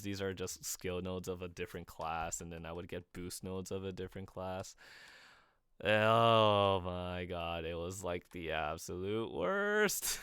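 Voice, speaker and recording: Rambling young man, smooth low voice. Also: fairly bright tone, dry recording, studio quality. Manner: rambling, lots of filler words and restarts. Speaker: streamer. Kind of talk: casual livestream commentary.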